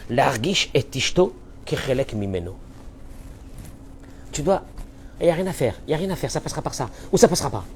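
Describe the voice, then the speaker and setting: A man's voice: mid-range voice, very animated, brisk, pauses often, slight background noise. Emphatic male rabbi giving a lesson. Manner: emphatic, repeats key phrases, swings between loud and soft. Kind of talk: Torah lesson.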